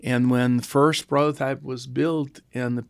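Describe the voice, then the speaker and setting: A middle-aged man with a Russian accent, a guest telling his founder story in a halting, thoughtful way. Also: medium pitch, steady tone, creaky, no echo. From former Soviet Union. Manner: halting, thoughtful delivery with restarts. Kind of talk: casual podcast conversation.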